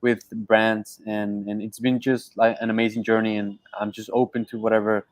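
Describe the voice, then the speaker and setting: A man's voice: fairly low pitch, level tone, moderate pace, no echo, low-quality recording. A man who creates travel content, speaking as a guest on a webinar in a polite, easygoing way.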